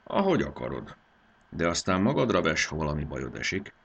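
A man reading aloud and voicing an eager young boy at the wheel, talking in excited exclamations. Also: deep voice, creaky, husky, muffled recording, exaggerated voice. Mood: steady.

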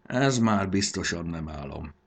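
A man's voice: low voice, expressive, creaky, slightly rough, exaggerated voice. A man voicing a curious, eager young boy in a storybook reading. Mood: wondering. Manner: eager, wondering exclamations. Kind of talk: audiobook character voice.

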